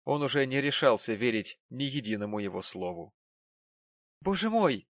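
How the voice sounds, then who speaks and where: A man narrating an audiobook of a classic novel in a measured storytelling way. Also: on the low side, fairly bright tone, dry recording. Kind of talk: scripted narration.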